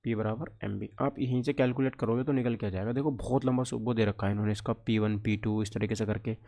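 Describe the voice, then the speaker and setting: A man with a lowish, mellow voice and fairly even intonation talks fast while coaching an exam lesson in physics. He teaches conversationally, frequently asking questions and answering them himself.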